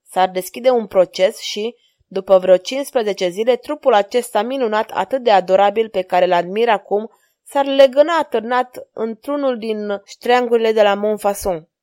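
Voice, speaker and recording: A woman's voice: mid-range voice, close to an everyday voice. Woman voicing a flirtatious courtly king. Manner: courtly, flattering. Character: gallant amorous male king, courtly and flirtatious.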